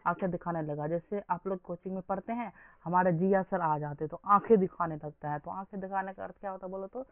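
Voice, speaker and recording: His voice sits high as this young man coaches listeners for an exam, repeatedly quizzing them. The audio has no echo and comes across dry and lo-fi, like a phone recording.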